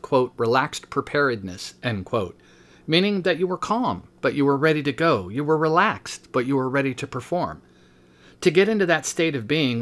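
A man's voice: medium pitch, a bit bright. Man, 50s, teacher and podcast host, reading his own book aloud with brief asides, mid-range voice.

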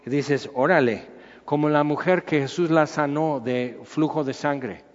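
A man preaches with animated energy, acting out the voices of the people he quotes. His voice sits a little high for a man. The sound is dull and muffled, with a long echo from a large hall. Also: a little slow. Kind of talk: sermon.

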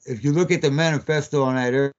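A man calling in to a podcast, talking in a halting, rambling way with many fillers, over a phone line that keeps cutting out. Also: medium pitch, steady tone. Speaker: podcast guest on a phone call. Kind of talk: casual rambling account.

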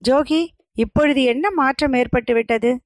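A woman's voice: high voice, normal speed, no room sound, studio quality, lightly acted. A woman voicing an earnest young warrior prince in a told story.

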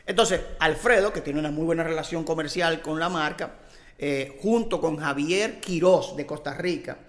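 A man with an unusually high voice, telling a story with energy. He slips into the voices of the people he quotes. A long reverb trails his voice in the room. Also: normal speed. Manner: excited storyteller, acts out quoted dialogue. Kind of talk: animated anecdote telling.

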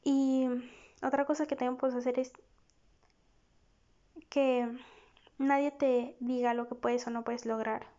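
A young woman, hosting a self-help podcast as a therapist, speaking in an encouraging way with soft asides. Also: high voice, flat delivery, a little slow, long pauses, muffled recording.

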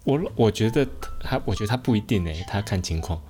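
Low-voiced man, hesitant podcast talk. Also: animated, fast, over music. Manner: soft-spoken, hesitant, mixes in English words. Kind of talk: casual podcast chat.

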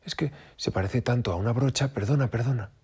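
Un hombre narrador que da voz a un conejo macho travieso y burlón, de tono ligero. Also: male voice, medium pitch, fast, a little mellow, slightly rough, pitched above the performer's own voice. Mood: teasing. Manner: playful, mocking, light. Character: sly mischievous male rabbit, teasing.

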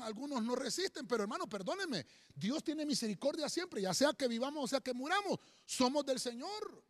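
A male pastor preaching a sermon. He speaks emphatically, often calls listeners "hermano", and pauses to write and spell words on a board. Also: high voice. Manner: teaching at a board, writing and spelling words aloud. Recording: long hall reverb.

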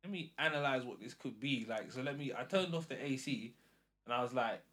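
A man with a London roadman accent, casually telling an animated story in slang and acting out the dialogue. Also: mid-range voice, brisk. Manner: slangy, acts out quoted dialogue.

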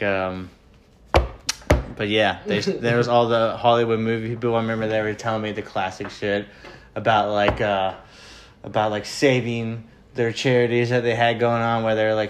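Laid-back frat-bro man hosting over noise. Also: lowish voice. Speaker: podcast host. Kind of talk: casual, profane skater chat.

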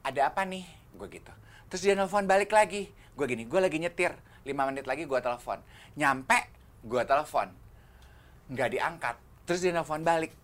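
A man's voice: on the high side, moderate pace. A man co-hosting a casual podcast, telling a long story and acting out the other people in it. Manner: animated storyteller who acts out the other people in his stories. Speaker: podcast co-host. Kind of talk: casual chat.

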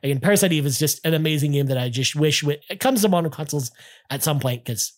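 A man's voice: a little high, lively intonation, fast talker. A man co-hosting a casual gaming podcast, reading out listener comments with lots of enthusiastic restarts. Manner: enthusiastic, many restarts and "I mean". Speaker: podcast co-host.

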